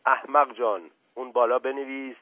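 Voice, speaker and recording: Give me a bullying schoolmaster, done by a male reader, sarcastic and loud, in a dry tinny recording. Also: mid-range voice, steady tone, dry recording, pitched above the performer's own voice, close to an everyday voice. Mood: mocking. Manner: sarcastic, shouting. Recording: narrow tinny phone-like sound, dry.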